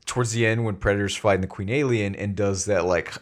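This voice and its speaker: A man co-hosting a casual podcast, talking in a halting, thoughtful way full of fillers. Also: on the low side, fairly even intonation. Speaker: podcast co-host.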